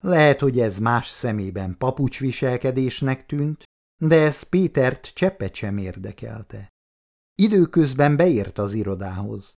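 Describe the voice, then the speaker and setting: A male audiobook narrator with a gravelly, rough-edged voice at an ordinary pitch. He reads steadily and matter-of-factly. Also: animated, darkish tone.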